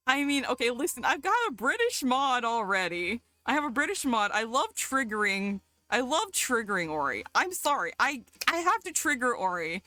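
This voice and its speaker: A woman from the South, chatting casually with her stream chat, chatty and quick to giggle. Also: fairly high pitch, no echo. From American South. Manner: giggly, chatty, easily excited.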